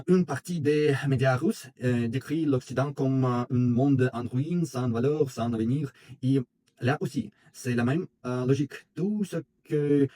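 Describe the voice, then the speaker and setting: A man from Russia, a native Russian speaker with a Russian accent, giving an opinion monologue as a video creator in a halting, hesitant non-native way. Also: medium pitch, mellow.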